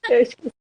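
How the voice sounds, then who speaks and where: Uma mulher com sotaque brasileiro fala de forma paciente e explicativa numa live, enquanto a conexão da chamada falha e trava. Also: female voice, a little hiss or hum. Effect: internet call audio breaking up and lagging. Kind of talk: casual live-stream chat. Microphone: video call. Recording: muffled lo-fi video call audio.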